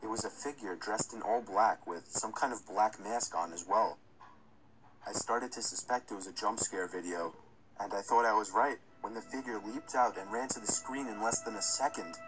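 A man's voice: fairly low pitch, normal speed, poor audio. A man reading a scripted first-person horror story as its narrator. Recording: music under the narration. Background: music.

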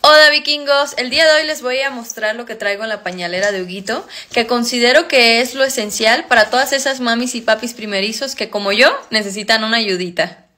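Female creator in her twenties for short list video, higher bright voice, some noise. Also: a little fast. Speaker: content creator, new mother. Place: small room indoors. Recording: clear noise with clicking.

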